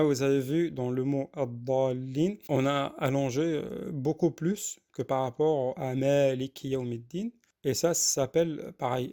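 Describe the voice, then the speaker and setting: A man teaching how to read and recite, explaining pronunciation patiently and repeating sounds slowly, with frequent hesitations. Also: mid-range voice, warm tone. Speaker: Quran reading teacher. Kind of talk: spoken lesson with recitation.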